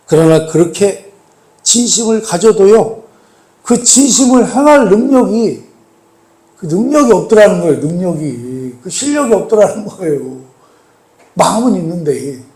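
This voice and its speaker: A man's voice: high voice, animated, normal speed, pauses often. A male pastor preaching a sermon, putting rhetorical questions to the congregation and leaning hard on key points. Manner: emphatic, swells louder on key points. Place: church sanctuary. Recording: echoey church hall.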